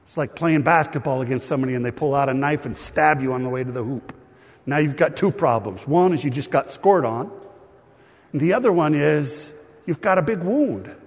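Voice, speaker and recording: A male pastor preaching a sermon to a live congregation, animated and joking with the crowd. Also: a little high, fairly quick, breathy edge, in a large hall.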